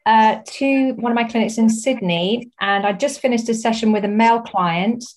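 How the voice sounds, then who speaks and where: A woman therapist as a guest in a casual chat, telling animated stories. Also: fairly high pitch, moderate pace. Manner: animated storyteller.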